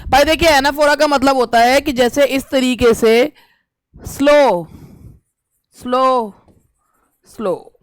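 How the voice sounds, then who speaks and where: A woman teacher, reading English exam questions slowly and explaining them at length. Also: sits high, fairly even intonation, no room sound. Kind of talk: exam-prep lesson.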